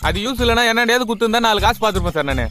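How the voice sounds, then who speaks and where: A man's voice: sits high, expressive, rapid-fire, bright, forceful tone, soft background music. An actor playing a cheeky hired laborer who grumbles and wheedles for his pay. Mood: wheedling. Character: cheeky working-class male digger wanting pay.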